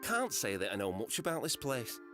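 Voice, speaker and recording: A man's voice: mid-range voice, wildly swooping pitch, brisk. A friendly travelling musician. He talks in an easy, folksy way, and his voice rises and falls freely. Game music plays behind him. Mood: easygoing. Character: friendly travelling musician man, young adult. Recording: game audio over music.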